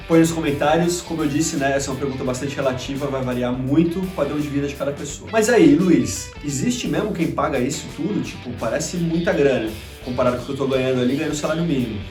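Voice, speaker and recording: This Brazilian channel host, speaking with a Brazilian Portuguese accent, keeps things chatty and conversational in a casual vlog, using frequent fillers as he talks to camera. His medium-pitched voice is a little mellow, and the distant mic catches roomy echo and faint music.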